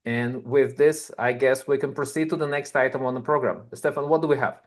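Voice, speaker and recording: A man moderating a conference livestream, thanking a sponsor in a brisk, upbeat way. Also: mid-range voice, fairly even intonation.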